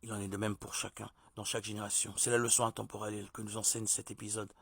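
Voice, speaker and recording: A man giving a measured, deliberate religious teaching, like a sermon. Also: on the low side, flat delivery, vocal fry, a bit bright, husky, no echo. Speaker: preacher.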